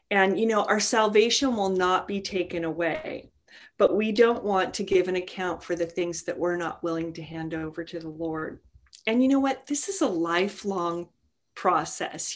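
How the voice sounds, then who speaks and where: A woman giving an informal devotional talk to a women's group, earnest and chatty, with many "you know" asides. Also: medium pitch. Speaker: women's Bible study teacher.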